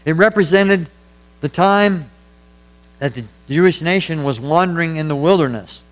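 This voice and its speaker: Earnest, emphatic preaching man, higher voice. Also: normal speed, low-quality recording. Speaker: pastor. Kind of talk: sermon. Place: church.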